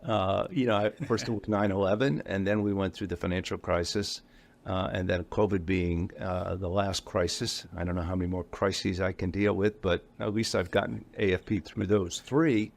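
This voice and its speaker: A man's voice: sits low, fairly even intonation, normal speed, vocal fry. A middle-aged man speaking as an interview guest in a casual, rambling way, often correcting himself and chuckling between points. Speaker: guest, association executive.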